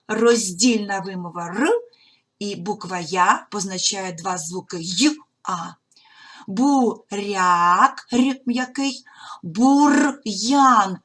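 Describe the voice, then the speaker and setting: Husky lady teacher, really slow, stretches each word out for little kids. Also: mid-range voice, a bit bright. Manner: slow, careful dictation-like articulation, stretching out words. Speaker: primary school teacher. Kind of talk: recorded video lesson.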